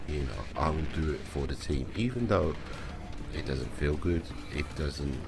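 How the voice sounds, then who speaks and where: Man, extremely low voice, flu-like head cold, casual game guide commentary, emphatic repetition, clear music behind. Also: expressive, measured pace. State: has a slight cold, sounds worse for wear. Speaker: gaming video host.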